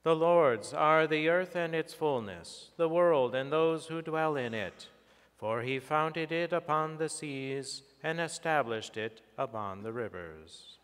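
A middle-aged male priest recites liturgy with solemn formality. His voice is smooth and resonant, and he takes his time over each phrase. The words ring out through a church microphone into a long cathedral echo. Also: on the high side, expressive, slow pace, fairly bright tone. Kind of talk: liturgical prayer and scripture reading. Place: large church sanctuary, at altar and lectern. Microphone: fixed church microphone on lectern or altar.

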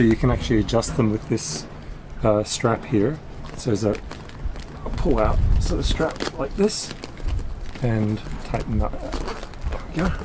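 A man's voice: medium pitch, darkish tone. A man in his fifties on a sailboat deck, explaining step by step how he does a repair while working with his hands, recorded on the camera mic. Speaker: sailor showing a boat repair. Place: outdoor deck of a sailboat at anchor. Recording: outdoor wind and ambient noise.

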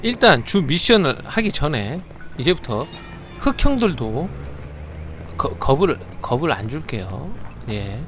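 Animated, stammering man streaming a game. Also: fairly high pitch, measured pace, faint music behind. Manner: playful, chatty, swings into loud flustered outbursts; stammers and repeats words. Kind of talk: live game commentary with chat.

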